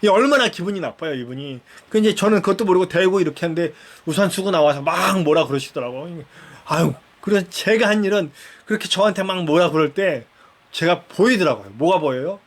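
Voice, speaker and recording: A man with a fairly high voice preaches a sermon in a church. He tells it like a story, slipping into the voices of the people in it. Now and then he puts a question straight to his listeners. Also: expressive, fairly quick. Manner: conversational storytelling, acts out dialogue, asks the listeners questions.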